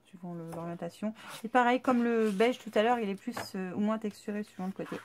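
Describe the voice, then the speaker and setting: A woman's voice: medium pitch, fairly quick, a little mellow. A woman YouTuber chatting casually through an unboxing, chatty and enthusiastic, with many fillers. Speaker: craft YouTuber.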